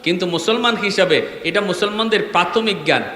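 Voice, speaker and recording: A man preaching a waz sermon, dropping to low storytelling and rising into high, sung exclamations. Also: a little fast, sharp tone. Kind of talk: chanted Bengali waz sermon. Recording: echoey hall with long reverb.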